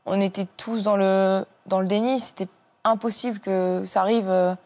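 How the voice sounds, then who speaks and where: A woman's voice: mid-range voice, flat delivery, normal speed, a little mellow. A young woman, a friend of the victim, answering earnestly on a TV talk show while searching for her words. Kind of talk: TV interview answer.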